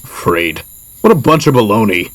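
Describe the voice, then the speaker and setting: A man's voice: fairly low pitch, big pitch swings, moderate pace, low-quality recording. A man voicing a proud, hot-headed cartoon echidna brawler with blustering, scornful tough-guy talk in an audio drama. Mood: sulky. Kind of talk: animated audio drama acting.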